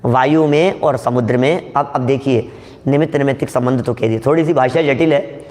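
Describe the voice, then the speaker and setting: A man's voice: medium pitch, moderate pace, darkish tone, long reverb tail. A man giving a religious scripture discourse to an audience, explaining step by step and often questioning his listeners. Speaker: scripture teacher.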